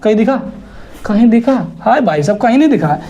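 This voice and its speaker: A male teacher leads a grammar lesson for exam prep, lively and teasing in tone. He tells students off with rhetorical questions and spells words out one letter at a time. His voice sits high and moves fairly quickly.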